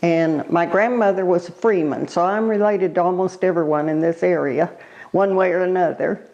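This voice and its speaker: An elderly woman reminisces in an interview in a halting, unhurried way, pausing as she recalls. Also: on the low side, darkish tone, muffled recording. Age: elderly, born 1936. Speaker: oral history interviewee.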